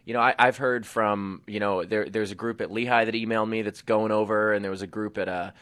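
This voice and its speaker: A man's voice: fairly low pitch, steady tone, a little fast, a bit bright, no room sound. A man, a comedian chatting as a radio guest in a rambling, self-deprecating way with lots of restarts. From New York City. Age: 20s. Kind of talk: casual radio interview chat.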